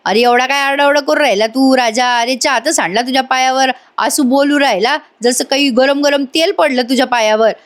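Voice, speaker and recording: A woman's voice: sits high, brisk, hardly any pauses, lightly acted. A woman voicing a brother who mockingly needles his sibling. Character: teasing mocking brother-in-law.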